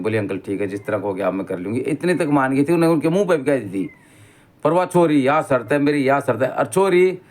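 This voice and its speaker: A man's voice: medium pitch, darkish tone. Rambling middle-aged Haryanvi man. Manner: rambling storyteller, keeps saying "bhai". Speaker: vlogger. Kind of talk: casual spoken monologue.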